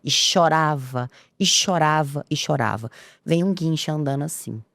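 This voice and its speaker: A woman's voice: normal speed, gravelly, no room sound. A woman, a podcast guest telling a personal story and acting out the dialogue. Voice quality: low voice. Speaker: interview guest.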